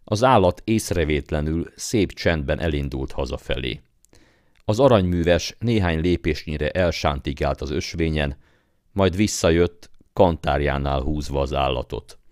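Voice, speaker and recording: Male narrator, audiobook, calm measured reading, very deep voice, dry close sound. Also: no room sound. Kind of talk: scripted narration.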